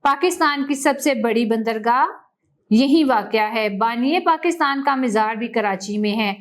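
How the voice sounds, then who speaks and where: A woman teacher, reading a school textbook lesson aloud slowly and clearly to children. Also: on the high side. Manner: slow, clear classroom reading, stressing each word in lists.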